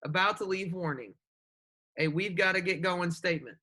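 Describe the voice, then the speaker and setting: A man's voice: high-pitched, bright, forceful tone. A man co-hosting a podcast, joking and teasing his guest in casual chat. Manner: joking, teasing, quick to banter. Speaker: podcast co-host.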